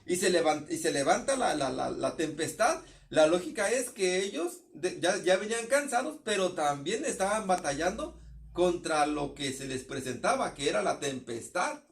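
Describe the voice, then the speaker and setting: A man's voice: sits high, big pitch swings, vocal fry, far from the mic. A man with a northern Mexican accent preaching a sermon, often stumbling and repeating words as he goes. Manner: halting, many repeated words and restarts.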